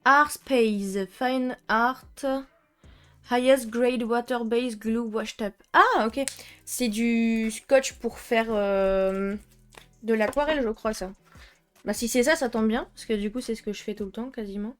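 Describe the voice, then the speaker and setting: A fairly high-voiced woman chats her way through an unboxing of art supplies, hesitating often and giggling along the way. Soft background music runs under her casual, filler-heavy talk. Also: slow. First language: French. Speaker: art vlogger.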